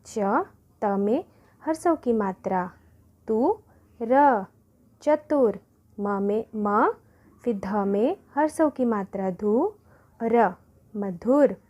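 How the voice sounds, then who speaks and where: Woman, kindergarten teacher; slow, fairly high voice, punches out each word. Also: animated, dull audio. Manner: sounds out syllables, stressing each word loudly. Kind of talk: slow classroom phonics lesson.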